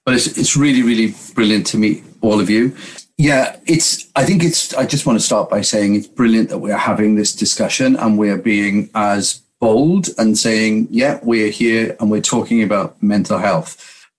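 A man's voice: fairly low pitch, moderate pace. A middle-aged man speaking openly and personally as he leads a discussion. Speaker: music college director leading a discussion.

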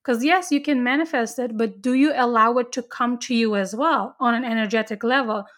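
A woman's voice: fairly high pitch, fairly quick, fairly bright tone. A woman chatting casually, earnestly explaining her spiritual beliefs at length with frequent restarts.

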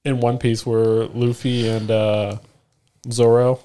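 A young man co-hosting a casual podcast, swearing freely and acting out quotes with sudden jumps in pitch. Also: little pitch movement, slow, mellow. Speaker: podcast co-host. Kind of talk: casual chat.

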